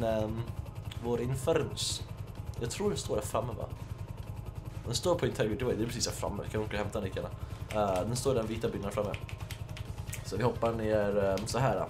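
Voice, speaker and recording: A man's voice: lowish voice, noisy background. A young man from Sweden, a gaming YouTuber, giving casual, joking let's-play commentary, swearing and laughing in bursts while feeling a bit under the weather.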